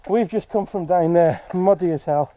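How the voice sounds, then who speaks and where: A man's voice: high-pitched, moderate pace, lo-fi sound, slight background noise. Chatty man vlogging on a hike. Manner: chatty, joking, loose with fillers. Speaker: hiking vlogger. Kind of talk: casual vlog narration. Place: outdoors on windy hills.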